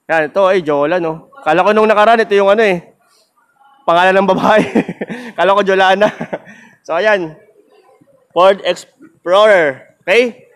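Here a man with a high, clear, resonant voice and a Filipino accent walks viewers through a used car lot in a laid-back vlog. He's joking and chatty, laughing frequently, even with a sore throat.

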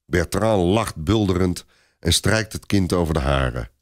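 Man, low voice, lively storybook reading, dry studio sound. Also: measured pace, dry recording. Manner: expressive, varied reading. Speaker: narrator. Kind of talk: storybook narration.

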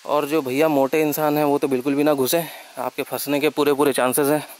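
A man's voice: on the high side, little pitch movement, brisk. A young man, a travel vlogger walking outdoors through a temple site and talking to his viewers, mixing in English words. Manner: friendly, addresses viewers as friends, mixes English words. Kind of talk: travel vlog narration. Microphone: handheld camera mic.

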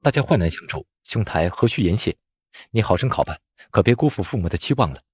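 A man voicing a calm, upright male scholar who speaks in a low, measured and firm way. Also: breathy edge, no room sound, studio quality.

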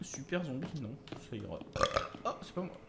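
A man doing let's play commentary, swearing and shouting at the game, then muttering joking asides. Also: mid-range voice, big pitch swings, moderate pace, creaky, heavy background noise. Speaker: gaming YouTuber.

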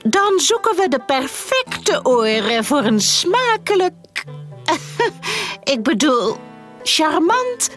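A woman's voice: sits high, sing-song, extremely slow, fairly bright tone, faint music behind, voice pushed up, full character voice. A woman voicing a sly, scheming male fox in a children's storybook, sneering and bossy. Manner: sneering, commanding.

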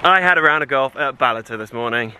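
A young man talks to his own handheld camera outdoors, loose and rambling, making light of his own faults. His voice is bright and forward, at an ordinary pitch for a man. A little outdoor noise sits faintly behind him. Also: fast talker. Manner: relaxed and rambling, self-deprecating. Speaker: vlogger, father. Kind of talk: casual travel vlog chat.

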